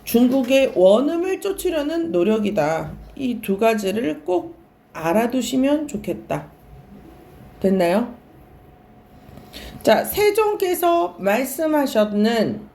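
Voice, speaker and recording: A woman's voice: high voice, dark tone. A woman teaching a classroom lecture, asking questions and answering them herself, and repeating and stretching key words. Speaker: Korean language teacher.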